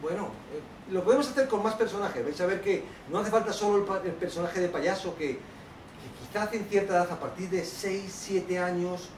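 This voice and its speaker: A man giving a lively workshop talk to an audience, acting out children's voices as he tells stories. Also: high voice, moderate pace, a little hiss or hum. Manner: animated, acts out children's voices. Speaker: children's ministry teacher. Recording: echoey hall, from a distance.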